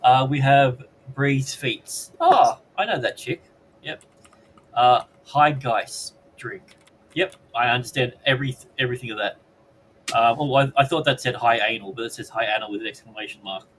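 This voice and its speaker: An Australian man hosts a live podcast in a relaxed, crude and deadpan way. He reads out chat messages and tosses off jokes. Faint background noise sits under his voice. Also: medium pitch, moderate pace. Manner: crude joking, deadpan asides. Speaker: podcast host. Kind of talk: casual live-stream chat, reading chat messages.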